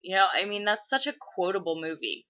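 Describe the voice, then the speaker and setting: A woman's voice: mid-range voice, animated, brisk, pushed and bright, highs cut off. A woman in her twenties chatting casually, blunt and swearing freely as she gets worked up. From USA. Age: 20s. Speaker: vlogger. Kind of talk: casual chat.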